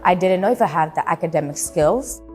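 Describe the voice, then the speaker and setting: A woman's voice: fairly low pitch, lively intonation, a little fast, a little mellow, faint music behind. A young woman from the Dominican Republic, a program director, speaking earnestly in an interview with some fillers.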